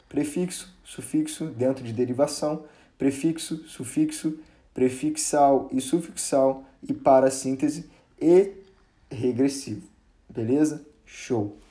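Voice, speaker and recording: A man with a medium-pitched voice teaches a casual grammar lesson in a chatty, relaxed way. He uses many fillers and restarts, stretching out example words for emphasis.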